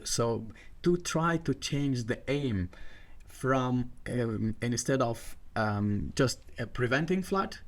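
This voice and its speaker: Appearing as a podcast guest to discuss water management, a middle-aged man from Egypt talks with an animated, medium-pitched voice. His speech is halting, full of fillers and restarts, with non-native grammar.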